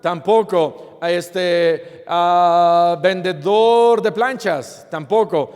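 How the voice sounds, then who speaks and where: High-voiced preacher in a reverberant church. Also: male voice, fairly even intonation, drawn-out words, a little mellow, smooth. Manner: asks the congregation playful rhetorical questions; frequent fillers and restarts. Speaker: pastor. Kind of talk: sermon. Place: church sanctuary. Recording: long reverb of a church hall.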